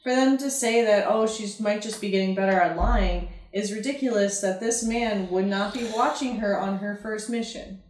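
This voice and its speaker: A woman's voice: medium pitch, normal speed, hardly any pauses, a little mellow, slight background noise. A woman co-hosting a TV review podcast, chatting casually with blunt remarks. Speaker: podcast co-host. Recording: echoey room, distant from mic.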